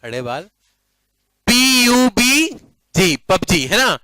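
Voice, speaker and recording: A man's voice: very high-pitched, very animated, extremely slow, sharp tone, rough recording. A male commerce teacher lecturing a class playfully, often checking that students follow and mixing English phrases into his talk.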